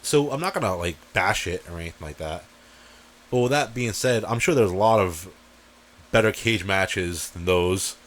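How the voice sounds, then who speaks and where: A man's voice: low voice, normal speed, fairly bright tone. A man co-hosting a podcast in casual chat, teasing and playfully challenging the others. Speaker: podcast co-host.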